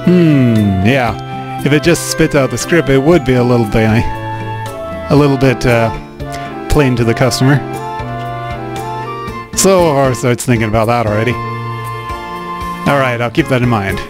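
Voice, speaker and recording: With game music behind him, a man translates and riffs on a game for his let's play in a casual, wry, dryly humorous way. His voice is medium in pitch, and he takes his time, pausing often.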